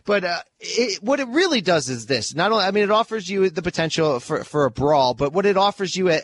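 A man co-hosting a sports podcast in casual chat, an energetic analyst talking fluently with occasional restarts. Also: on the high side. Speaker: podcast co-host.

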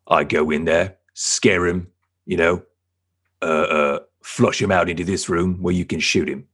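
Low husky guy, respectful player, sir this sir that. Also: steady tone, a little slow, fairly bright tone. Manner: deferential, says "sir" often. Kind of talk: in-character tabletop play.

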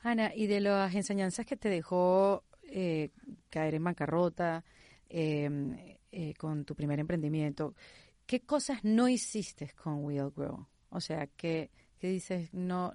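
A woman's voice: lowish voice, unhurried, warm tone, no room sound. A middle-aged woman with a Venezuelan accent interviewing in a chatty, colloquial way, often thinking aloud as she goes. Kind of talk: conversational interview.

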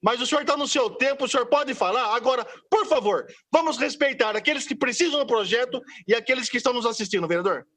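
A council chair keeps insisting on order and on getting back to the agenda. His voice sits very high for a man, and his manner stays firm and repetitive. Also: lively intonation, quick pace, hardly any pauses, bright, forceful tone. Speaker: council president.

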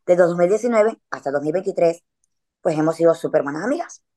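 A woman's voice: lowish voice, animated, a little fast, dark tone. A woman, chatting casually as a podcast guest and telling a story in a slangy way, with frequent filler words.

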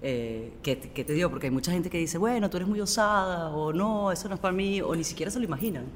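A woman's voice: fairly low pitch, expressive, fast, long reverb tail, a little hiss or hum. A woman from Venezuela hosting an interview, asking long, winding questions in casual chat. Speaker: host, interviewer.

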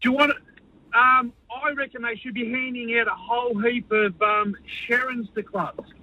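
A man's voice: extremely high pitch, fairly even intonation, moderate pace, highs cut off. An Australian man phoning a talkback show, speaking casually in a blunt, complaining way. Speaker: talkback radio caller. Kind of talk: casual opinionated phone-in talk.

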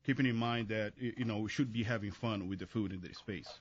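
A man from Brazil, a chef guest on a radio talk show, speaking in a relaxed, hesitant way with many fillers. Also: lowish voice, fast talker, lo-fi sound, a little hiss or hum. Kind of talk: casual radio interview.

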